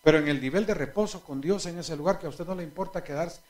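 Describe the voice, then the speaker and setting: A male pastor preaches a sermon in a fairly high voice at a fast clip. He tells his anecdotes in an animated way, laughs at them himself, and puts direct questions to the congregation.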